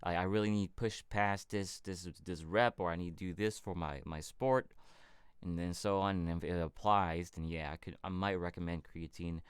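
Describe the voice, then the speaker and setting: A man with a very low, smooth voice hosts a casual fitness livestream, answering viewer questions in a relaxed, rambling way. He is from California. The sound is close and dry, with no room around it. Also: normal speed, no room sound. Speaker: fitness channel host.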